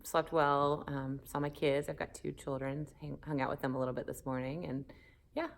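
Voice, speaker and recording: A woman in her forties from the Southern United States, a pastor speaking candidly in an interview, thoughtful and animated with many fillers. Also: sits low, moderate pace, gravelly. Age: 40s. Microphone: phone camera.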